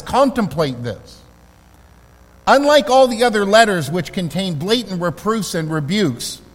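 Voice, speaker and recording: A male pastor delivers an earnest, emphatic sermon in a church, slowing down to stress his key words. His voice sits high for a man. The sound carries a long reverb, as if it fills a large hall.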